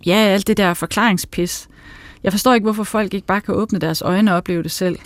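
A sharp-tongued, irritable woman in her forties, voiced by a woman reading aloud. She talks in heated bursts and mocks the person she is arguing with. The sound is dry and close. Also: mid-range voice, steady tone, dry recording, natural voice. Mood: scornful. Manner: heated, mocking, speaks in bursts.

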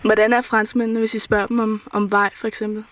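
A woman reporter asking brisk, probing questions in an old radio interview. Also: a little high, little pitch movement, a bit bright.

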